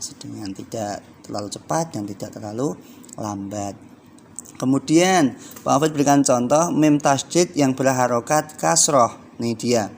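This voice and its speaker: A man's voice: medium pitch, a little hiss or hum. A man with a Javanese Indonesian accent, a primary school teacher giving a recorded lesson, explaining patiently and counting the children into reading aloud together. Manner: slow, patient explaining with drawn-out recitation.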